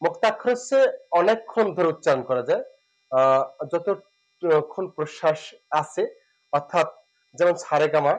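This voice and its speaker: Man teaching, words drawn out slowly. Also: a little high, expressive, highs cut off. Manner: explains step by step, repeats words slowly and drawn out. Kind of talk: spoken lesson on pronunciation.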